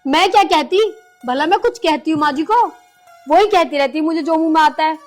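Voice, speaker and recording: An actress playing a dutiful young daughter-in-law who speaks earnestly and pleadingly. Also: female voice, high voice, fairly quick, faint music behind, close to an everyday voice.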